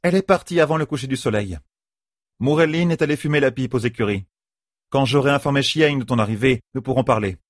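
A man's voice: medium pitch, fast, dry recording, clean studio sound, voice pushed up, lightly acted. A man voicing a pragmatic woman sorceress posing as a servant, who speaks in a terse, matter-of-fact way.

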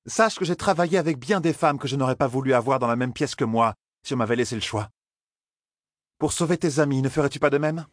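Brief: cold, condescending older sorceress, a man voices her, raised pitch, husky tone, storybook reading. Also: no room sound, clean studio sound, lightly acted. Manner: measured, condescending. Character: haughty cold female Aes Sedai, condescending.

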